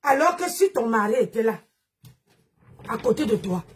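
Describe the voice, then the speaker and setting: A woman's voice: on the high side, big pitch swings, moderate pace, breathy edge. A woman, ranting mockingly during a live stream, scolding and exclaiming while nursing a strained voice. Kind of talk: live-stream gossip rant.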